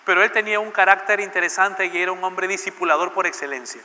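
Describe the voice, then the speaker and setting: Pastor with a bright high voice. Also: male voice, fairly even intonation, fast talker, slight background noise. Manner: personal anecdote, asks the congregation questions. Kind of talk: sermon storytelling. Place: church. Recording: church hall with long reverb.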